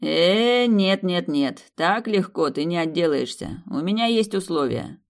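A man's voice: sits high, lively intonation, measured pace, gravelly, pitched above the performer's own voice, exaggerated voice. A narrator voicing a young man, a hurt fiancé who teases with bitter irony but forgives. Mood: teasing, ironic. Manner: mocking, wryly ironic.

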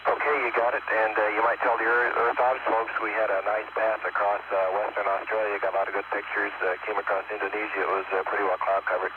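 A man speaking as an astronaut in brisk, clipped, matter-of-fact exchanges, heard over a space-to-ground radio link. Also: on the low side, level tone. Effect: space-to-ground radio transmission. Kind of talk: terse radio exchange with mission control. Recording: dull lo-fi radio with faint hiss.

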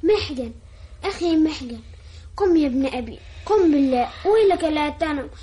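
A scared young girl in a radio drama. Her extremely high voice is plaintive and urgent, pleading anxiously in formal classical Arabic. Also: lively intonation, moderate pace, warm tone, slight background noise. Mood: frightened, pleading.

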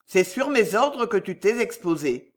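A resentful young prince who confides in a low, quiet voice and turns scornful. An audiobook narrator voices him within a lively storytelling delivery. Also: measured pace. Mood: confiding.

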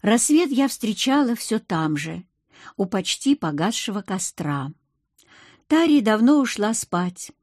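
A woman reading first-person audiobook narration in an even, measured way. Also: medium pitch, dry recording, studio quality.

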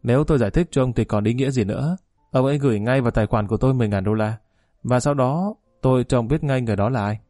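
A man's voice: mid-range voice, rapid-fire, warm tone, no echo, studio quality, soft background music, natural voice. A man voicing a shrewd, bullying middle-aged male security chief who talks bluntly and gives orders. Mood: scheming.

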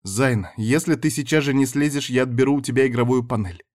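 A man voicing a strict mother who scolds her daughter in a raised, sharp voice. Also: mid-range voice, fairly quick, lightly acted. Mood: scolding. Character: strict tall red-haired mother, scolding.

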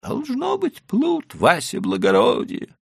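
Man putting on a squeaky fretful horse trader, whining, gravelly edge, dry close sound. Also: huge pitch swings, slow pace, dry recording, full character voice. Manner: high whining pleading voice. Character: timid anxious male horse trader, fretful. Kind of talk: audiobook character voice.

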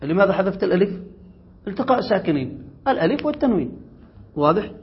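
A man teaching an Arabic grammar lesson, reading a passage aloud and then explaining it slowly with questions to his students. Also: sits high, very animated, a little hiss or hum. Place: classroom or study circle. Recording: dull lo-fi classroom recording.

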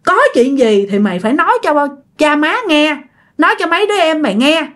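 A woman's voice: high voice, expressive, a little fast, a bit bright, pitched above the performer's own voice. Woman speaking as an anxious old grandmother. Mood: pleading. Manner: pleading, fretful. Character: worried elderly grandmother pleading with her son.

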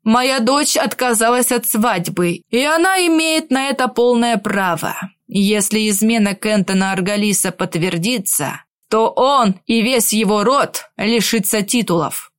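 A woman voicing a calm, authoritative emperor in an audiobook, speaking slowly and with solemn weight. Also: a little high, natural voice. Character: older male emperor, calm, authoritative ruler.

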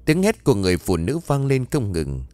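A man narrating a horror audiobook with dramatic, expressive delivery. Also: lowish voice, a little fast, dry recording, soft background music.

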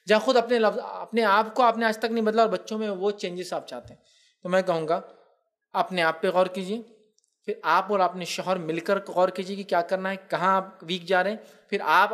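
A man with a high, light voice gives a religious talk in on raising children. He drops into his speech and slips into quoted family members to make his points. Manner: acts out quoted family members in lively asides. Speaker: Islamic speaker.

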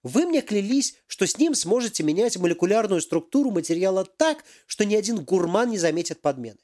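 A man doing a loud, scolding old professor. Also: sits high, very animated, fairly quick, voice pushed up. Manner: scolding, blunt. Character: loud irritated middle-aged male professor.

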